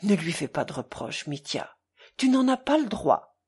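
A woman reading an audiobook, voicing a gentle, earnest young man who stammers a little. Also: medium pitch, moderate pace, slightly rough.

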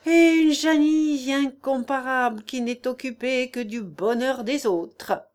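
A woman reading the part of a cheerful, contented elderly lord of a manor in an audiobook, in a jovial, warm-hearted manner. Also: a little high, very animated, a little slow.

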